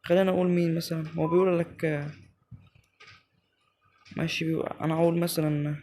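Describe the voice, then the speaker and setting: A man with an Egyptian Arabic accent giving excitable live commentary as he plays a game, talking straight to his viewers. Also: a little high, fairly quick, a little hiss or hum. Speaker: gaming channel host.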